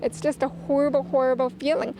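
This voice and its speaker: An upset mother speaks in a stammering, emotional way with a fairly high voice. Faint ambient noise is behind her. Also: flat delivery, brisk, dark tone. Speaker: parent of bullied student. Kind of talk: news interview.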